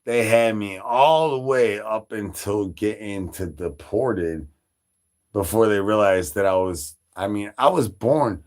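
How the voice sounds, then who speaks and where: Low, slow-talking man from Chicago. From Chicago, Illinois. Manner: loose, profane, full of fillers and shout-outs. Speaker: livestreamer. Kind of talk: rambling casual stream chat.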